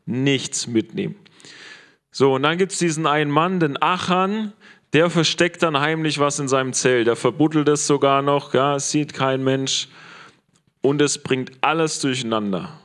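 A man preaching a sermon in a casual, conversational way, often checking in with his listeners. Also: medium pitch. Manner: casual, conversational, frequent "ja?" tag questions.

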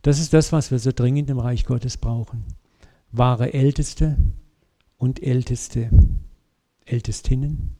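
A man preaching a sermon, telling a story with lively, vivid asides and speaking directly to his congregation. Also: medium pitch, slow.

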